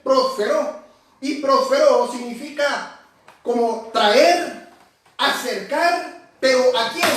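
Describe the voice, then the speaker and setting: A man's voice: extremely high pitch, a bit bright. A man preaching a sermon, explaining the words of a passage one by one and calling his listeners "brother". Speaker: pastor. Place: church hall. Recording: very echoey hall, far from the mic.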